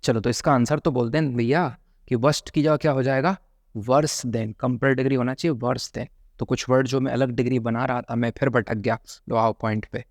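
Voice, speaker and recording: A male grammar teacher with a gravelly, voice, recorded dry and close. He talks in a chatty way, stretching out example words one by one for his students. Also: medium pitch, steady tone, no echo. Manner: chatty, drills examples slowly, calls viewers brother. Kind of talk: exam-prep grammar lesson.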